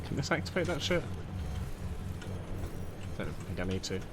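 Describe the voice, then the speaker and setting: A man's voice: on the low side, very animated, moderate pace, noisy background. A man giving casual game commentary and chat in a rambling, jokey, sweary way. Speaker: gaming streamer.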